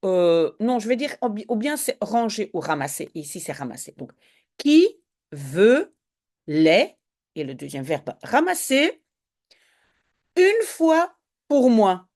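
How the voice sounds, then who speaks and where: A woman's voice: on the low side, sing-song, measured pace, a little mellow. A woman with a Belgian French accent, a language teacher patiently explaining a Dutch reading step by step to French speakers.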